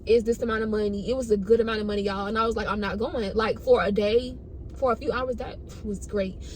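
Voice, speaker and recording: Casting: woman, higher voice, chatty dramatic storyteller, slangy delivery, noisy recording. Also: a little fast. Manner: animated, dramatic, slangy, repeats phrases for emphasis. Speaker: storytime vlogger. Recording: noticeable background noise.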